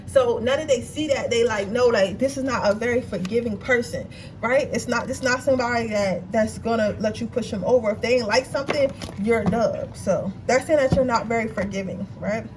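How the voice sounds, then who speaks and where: Swearing freely and checking in with her viewers, this tarot reader is casual, blunt and chatty, with a slightly stuffy nose. She talks fairly quickly in a slightly high voice, recorded on a distant mic over background noise.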